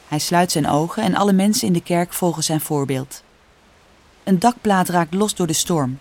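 Woman, Dutch accent, lowish voice, calm clear storybook narration.

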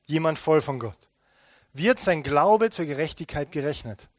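A middle-aged man preaching a sermon as a pastor, chatty, often checking in with "ja?" and dropping softly for emphasis. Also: animated, a little slow, no echo, studio quality. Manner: conversational preaching, asks listeners "ja?", drops to a soft low voice for emphasis.

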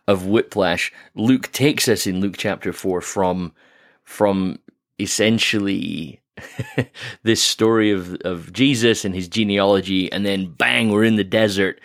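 A man co-hosting a podcast, chatting about scripture with a husky early-morning voice and frequent laughs. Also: on the low side, unhurried, dry recording, clean studio sound. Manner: laughs often, upbeat. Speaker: podcast co-host. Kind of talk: casual conversation about scripture.

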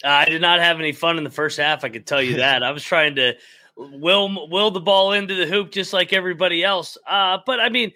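A man in his thirties, a former college player, giving measured and upbeat game analysis on a podcast. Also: fairly high pitch, pushed and bright, no room sound. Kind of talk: casual sports talk.

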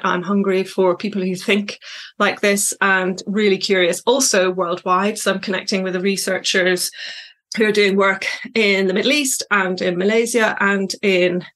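A woman's voice: mid-range voice, fairly bright tone. Chatty woman hosting a podcast. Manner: chatty, reflective, digressive with frequent fillers and laughs. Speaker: podcast host and coach. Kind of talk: solo podcast monologue.

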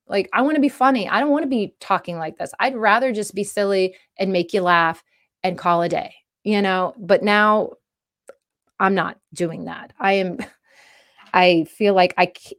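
Urgent, earnest woman preaching to camera. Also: medium pitch. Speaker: comedian giving a faith message. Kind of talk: impassioned direct-to-camera talk.

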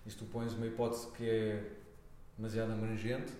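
A man's voice: fairly low pitch, monotone, brisk, warm tone. A man with a European Portuguese accent explaining casually in conversation, often checking that he is understood. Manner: explanatory, seeks agreement with tag questions. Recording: very echoey room.

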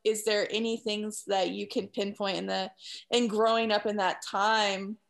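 A woman's voice: mid-range voice, flat delivery, unhurried, vocal fry. Earnest woman in casual conversation. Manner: earnest, emphatic, wordy, uses "like" often. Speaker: interviewer leading the conversation.

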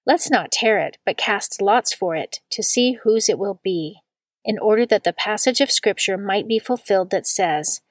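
A woman reading a long scripture passage aloud in a measured liturgical style, slowing down on the quoted words. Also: mid-range voice, dry recording. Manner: slow and deliberate on quoted words. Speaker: scripture reader.

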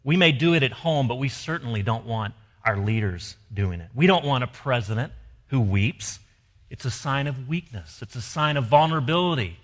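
Guy preaching a sermon, lots of rhetorical questions, goes soft for emphasis, echoey church hall. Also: medium pitch, expressive, normal speed. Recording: long hall reverb.

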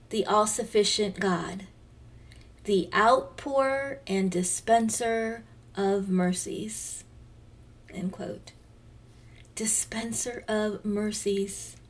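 A woman in her fifties reading her devotional aloud as podcast host. She speaks gently and reflectively, sometimes dropping to a soft near-whisper. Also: mid-range voice. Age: 50s. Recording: voice slightly distant from the mic.

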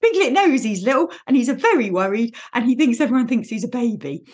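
A woman hosting a solo podcast, talking in a lively, playful way and laughing easily. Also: a little high, fast, slightly rough. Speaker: podcast host and coach.

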